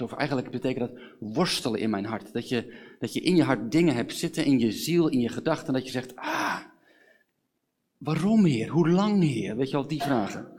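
A man's voice: mid-range voice, a little mellow. A man gives a sermon in an informal, chatty way, full of fillers. His voice sits in the middle of the range and rises into earnest, pleading questions. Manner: informal, conversational preaching with fillers and rising pleas. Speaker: pastor.

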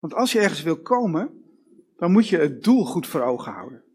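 A man's voice: a little high, very animated, darkish tone, breathy edge. A man preaching a sermon, working through long runs of short rhetorical questions. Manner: slow, with repeated rhetorical questions.

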